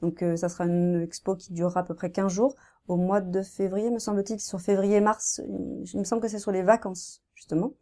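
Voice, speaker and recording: A woman in her thirties talks casually about her painting in an interview. Her voice is mellow and warm at a middle pitch, and she speaks softly, pausing with fillers and restarting her sentences. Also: little pitch movement. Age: 30s. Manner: soft-spoken, hesitant, many fillers and restarts.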